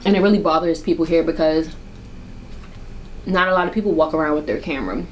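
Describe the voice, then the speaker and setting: A woman's voice: sits low, quick pace, slight background noise, rough recording. A young woman vlogger from Virginia chatting casually and slangily to her camera, talking with her hand at her mouth. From Virginia, United States. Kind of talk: casual mukbang chat. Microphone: camera on a stand.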